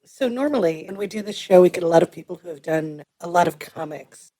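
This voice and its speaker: A woman's voice: lowish voice, expressive, brisk, mellow, rough recording. A woman hosting an interview show, reading a cheery introduction and asking chatty questions. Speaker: host. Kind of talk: podcast interview.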